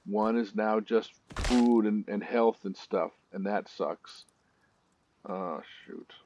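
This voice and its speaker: Low-voiced man chatting over gameplay. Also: fairly even intonation, takes it slowly, darkish tone, a little hiss or hum. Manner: chatty storytelling, nervous asides. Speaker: gaming video host. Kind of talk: let's-play commentary.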